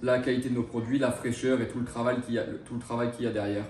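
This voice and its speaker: Quick-paced and a little mellow, the mid-range voice of a French chef in his thirties shows little pitch movement as he fumbles through interview questions, restarting often and filling pauses. Room echo is noticeable, since the mic is far away.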